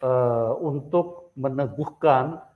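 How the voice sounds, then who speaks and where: A man's voice: mid-range voice, takes it slowly, phone-quality sound. A man hosting a church interview, speaking steadily and answering his guest with affirming murmurs. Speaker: interview host.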